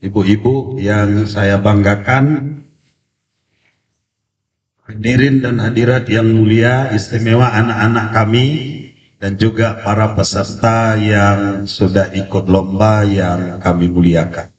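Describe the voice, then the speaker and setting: Slow-speaking preacher with a cold. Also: male voice, lowish voice, flat delivery. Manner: slow, deliberate delivery. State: has a cold. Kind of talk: religious lecture with storytelling. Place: community religious event. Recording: distant, echoey, dull PA sound.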